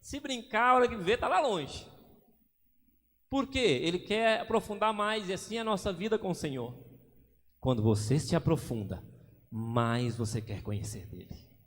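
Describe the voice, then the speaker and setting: A man's voice: high-pitched, animated, moderate pace, fairly bright tone. A man preaching a sermon as pastor, acting out little everyday scenes as he goes. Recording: long hall reverb.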